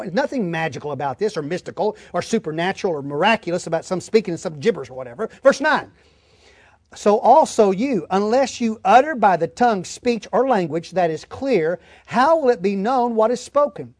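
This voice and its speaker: In a dry, echo-free studio recording, a man with a high but darkish voice teaches the Bible verse by verse. He reads and explains the text with emphasis, using homespun, plain language.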